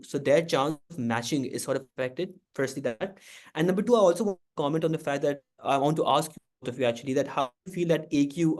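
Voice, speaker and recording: A young man hosting a podcast, asking long winding questions with a few Urdu words mixed in. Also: fairly high pitch. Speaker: host.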